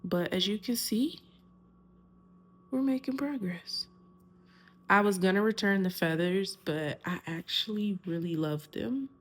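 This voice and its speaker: A woman's voice: on the low side, normal speed, hardly any pauses. A young woman chatting casually to viewers in a vlog, filmed on a phone. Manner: chatty, addresses viewers as y'all. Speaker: vlogger.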